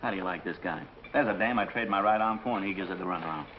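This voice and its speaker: A man's voice: low-pitched, very fast, natural voice. An actor playing a wry, wisecracking male garage coworker in a 1950s film. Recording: muffled noisy old film soundtrack.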